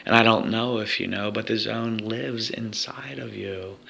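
A man's voice: fairly low pitch, steady tone, a little slow, creaky, sharp tone, husky. A man leading a guided hypnosis recording for athletes, speaking in a soothing, repetitive hypnotic way.

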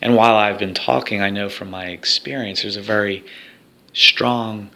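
A man's voice: lowish voice, fairly even intonation, normal speed, pushed and bright. A man leading a guided hypnosis recording for athletes, speaking in a soothing, repetitive hypnotic way.

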